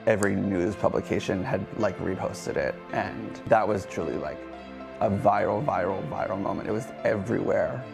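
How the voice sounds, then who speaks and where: A young man in his twenties from Philadelphia, talking casually in an interview in a living room, relaxed and full of "like". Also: lowish voice, moderate pace, vocal fry, music in the background. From Philadelphia, USA. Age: 20s. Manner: relaxed, uses filler "like" often. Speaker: interviewee photographer.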